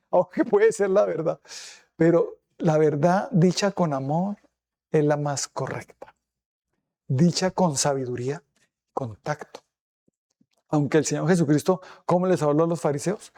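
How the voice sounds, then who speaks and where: A male pastor preaches in a high, gravelly voice with a dark, mellow tone, repeatedly posing rhetorical questions to his congregation. He also acts out quoted remarks by changing his voice.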